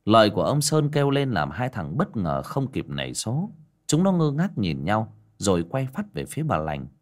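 A man's voice: on the low side, wildly swooping pitch, normal speed. A man narrating a village horror story in a dramatic, ominous way.

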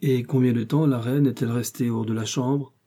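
A man's voice: medium pitch, steady tone, a little fast, dark tone, lightly acted. A man voicing a cold, powerful cardinal who questions people in a probing, commanding way.

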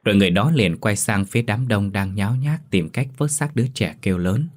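A man narrating a ghost story in a steady, grave storytelling manner. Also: fairly low pitch, fairly quick.

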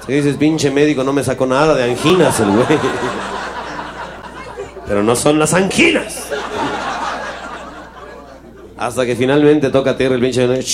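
A man with a Mexican accent telling a crude, rapid stand-up story, often jumping into high squeals. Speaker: stand-up comedian. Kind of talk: stand-up routine. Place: live venue with audience. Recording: live show with crowd and noise.

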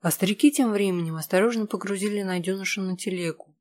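A narrator reading a novel aloud in a steady, measured way. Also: medium pitch. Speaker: audiobook narrator. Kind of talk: scripted narration of a fantasy novel.

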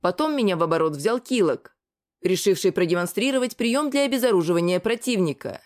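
An audiobook narrator, a woman with a mid-range voice, reads scripted narration in a measured, even storytelling manner.

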